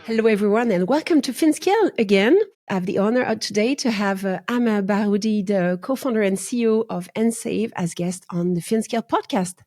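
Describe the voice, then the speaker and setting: A woman hosting an interview podcast, hoarse from being ill, polite and hesitant with many pauses and fillers. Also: mid-range voice, darkish tone, no room sound, faint music behind. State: hoarse from illness. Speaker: podcast host.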